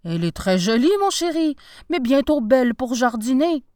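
A woman doing a lively, practical wife. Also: high voice, moderate pace, no room sound, clean studio sound, voice pushed up. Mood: enthusiastic.

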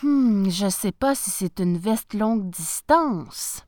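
A woman playing an excitable male professor. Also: on the high side, unhurried, no room sound, clean studio sound. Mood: pleased.

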